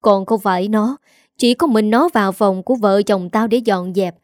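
A woman's voice: mid-range voice, normal speed, a little mellow, no echo, clean studio sound, lightly acted. A woman reading a story, voicing a furious, domineering old mother-in-law who scolds harshly.

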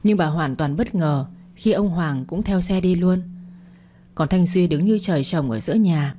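A woman narrating an audio story in a steady, dramatic storytelling manner. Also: lowish voice, moderate pace, slight background noise. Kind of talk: scripted narration.

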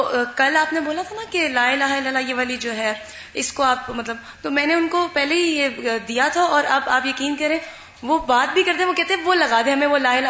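A woman's voice: high voice, bright, forceful tone. A woman student chatting about her own experience in class, with many fillers. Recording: echoey room, muffled, faint hum.

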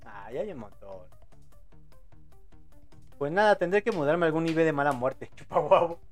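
A man's voice: fairly high pitch, expressive, moderate pace, faint music behind. A man in his thirties with a Mexican accent, hosting a casual live podcast, swearing, laughing often and rambling in slang. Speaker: podcast host. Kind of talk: casual live-show chat reading audience posts.

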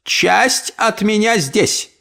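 A man reading aloud, voicing a feisty, sharp-tongued old woman who scolds and exclaims. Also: high-pitched, sing-song, unhurried, gravelly, pitched above the performer's own voice, exaggerated voice. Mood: furious.

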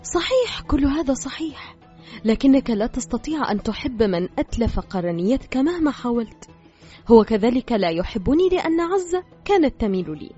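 A woman reading a novel aloud as narrator, in a measured, dramatic scripted style. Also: a little high, very animated, warm tone. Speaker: audiobook reader. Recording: slightly dull with faint music.

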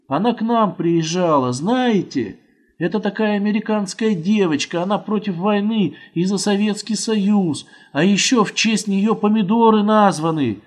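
A man's voice: high-pitched, moderate pace, pitched above the performer's own voice, natural voice. A man voicing an eager, pleading schoolboy. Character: pleading, fast-talking schoolboy.

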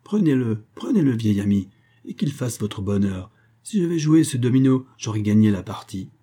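A man's voice: on the low side, very animated, moderate pace, dark tone, breathy edge. A man reading an audiobook, voicing a grumpy male domino player who mutters curses at the whole world. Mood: magnanimous.

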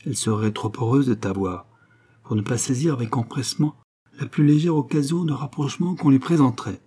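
A man's voice: medium pitch, dark tone, breathy edge, lightly acted. A man reading as a firm, earnest noble mother. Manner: measured, earnest persuasion. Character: devoted aristocratic mother, middle-aged woman, calm and firm.

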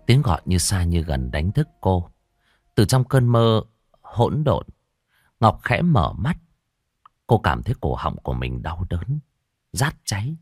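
Deep-voiced man narrating a horror story. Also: no echo, studio quality. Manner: dramatic, expressive reading.

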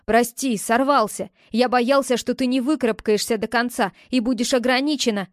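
A woman's voice: a little high, normal speed, no room sound, clean studio sound, natural voice. A woman reading as a pleading ex-boyfriend. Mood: defensive. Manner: pleading, then curt and defensive. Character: young man, tense pleading ex-boyfriend. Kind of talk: audiobook character reading.

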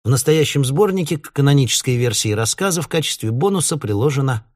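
A man, the author, reading his own story aloud in a measured, literary manner. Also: medium pitch, animated, darkish tone. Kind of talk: audiobook narration.

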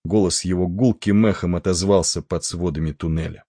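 A man narrating an audiobook in a measured storytelling manner. His voice is very deep and slightly husky. The recording is dry and close, with no room sound. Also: steady tone, dark tone, no room sound. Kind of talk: scripted narration.

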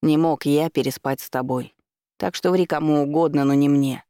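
A man's voice: a little high, normal speed, dark tone, clean tone, no echo, studio quality, natural voice. A man voicing a blunt, irritated young man who speaks in a curt, dismissive way.

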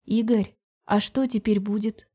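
A woman's voice: medium pitch, fairly even intonation, unhurried, mellow, husky. A woman voicing an anxious young female friend who speaks in a worried, hesitant way.

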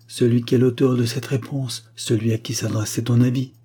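Un homme jouant une mère noble repentante. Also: male voice, medium pitch, flat delivery, brisk, mellow, slightly rough, natural voice. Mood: earnest. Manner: earnest, confiding. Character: aristocratic mother, remorseful and tender. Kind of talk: audiobook reading.

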